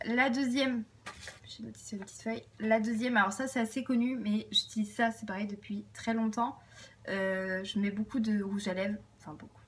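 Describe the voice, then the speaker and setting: A woman's voice: mid-range voice, recorded from a distance. A woman chatting casually about household tips, rambling with many fillers and self-corrections. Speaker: vlogger sharing household tips. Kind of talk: casual chat to camera.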